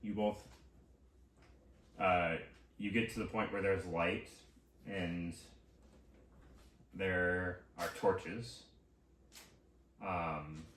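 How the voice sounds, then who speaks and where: Low-voiced guy gm-ing a tabletop game, slow and halting, roomy far-off mic. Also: a bit bright. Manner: slow, halting narration with many ums. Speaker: game master. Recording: roomy, distant mic with faint hiss.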